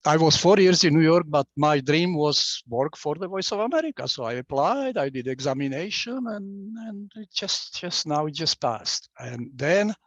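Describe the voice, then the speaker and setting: A man's voice: on the high side, expressive, moderate pace, few pauses, no echo. Man, 60s, Slovak accent, native Slovak speaker, interview guest, hesitant with fillers, dull lo-fi dry recording. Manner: hesitant, many fillers and restarts. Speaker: guest, author. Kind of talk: casual interview talk.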